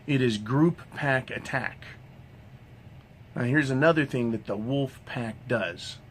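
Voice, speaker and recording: A man's voice: mid-range voice, slow, slight background noise. A man ranting in a monologue vlog, swearing constantly in a combative tone and tagging "right?" onto his sentences. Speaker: vlogger.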